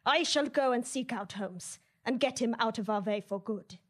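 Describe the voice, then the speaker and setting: A woman's voice: a little high, normal speed, natural voice. A woman voicing a scheming female Nazi villain with a put-on German accent in a comedy audio drama, menacing and gloating.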